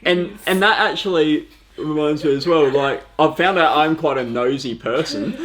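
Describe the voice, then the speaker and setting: A man, co-hosting a casual chat in a relaxed, self-mocking way. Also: fairly high pitch, measured pace. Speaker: podcast co-host.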